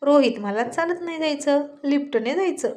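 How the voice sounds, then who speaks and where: A woman's voice: sits high, lively intonation, moderate pace, a little mellow, pitched above the performer's own voice. A woman voicing a stubborn but timid young wife who talks in a pleading, insistent way in a spoken story.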